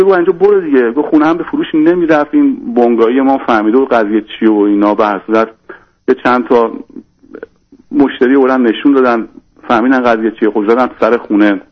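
A man calling in to a radio show, telling a long personal story and acting out the quoted lines in a raised voice. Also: steady tone. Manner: rambling, acts out quoted lines in a higher voice. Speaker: caller. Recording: dull lo-fi radio sound.

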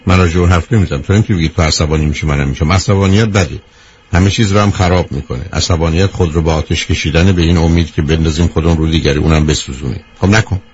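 A man's voice: extremely low pitch, a little mellow, a little hiss or hum. A man hosting a radio call-in advice show, talking directly and lecturing his caller, calling her dear. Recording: dull radio broadcast sound.

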